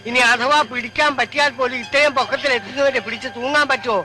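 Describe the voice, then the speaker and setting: A man's voice: very high voice, fairly even intonation, quick pace. An actor playing an anxious, deferential male caretaker who keeps calling his boss sir. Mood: worried. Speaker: worker.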